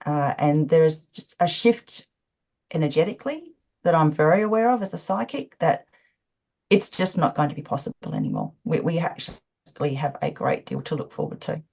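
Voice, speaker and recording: A woman's voice: low voice, huge pitch swings, normal speed, creaky, darkish tone, husky. A woman speaking earnestly on a video call, with frequent fillers. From Australia. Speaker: panel guest. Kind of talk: conversational commentary on a video call. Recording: dull lo-fi call audio.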